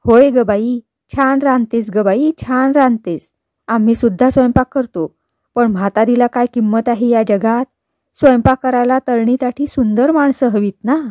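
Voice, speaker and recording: Storybook reading: woman voicing a grumbling old cook woman, mellow and higher-pitched. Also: normal speed, no echo, lightly acted. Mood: bitter. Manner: shrill, complaining retorts. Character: grumpy old female cook, quick to scold.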